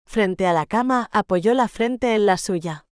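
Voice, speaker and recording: A woman narrating a romance novel audiobook in a measured, gentle storytelling manner. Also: medium pitch, clean tone, no room sound, clean studio sound.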